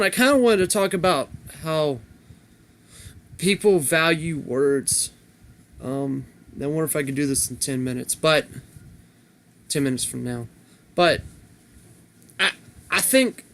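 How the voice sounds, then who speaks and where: A man's voice: medium pitch, fairly bright tone. Rambling man talking to himself. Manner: loose, rambling, many restarts and fillers. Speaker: podcast host. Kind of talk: casual solo rambling.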